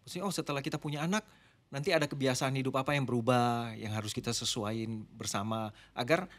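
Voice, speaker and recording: Middle-aged male pastor, podcast guest: unhurried, explanatory, everyday register, mid-pitched voice. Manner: relaxed, explanatory, drifts between formal and slangy Indonesian. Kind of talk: casual podcast conversation.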